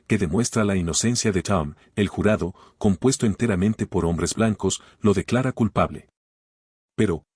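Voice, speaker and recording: A man hosting a podcast, reading scripted literary commentary in a measured, formal way and posing rhetorical questions. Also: low-pitched, darkish tone, slightly rough, dry recording, studio quality. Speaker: podcast host.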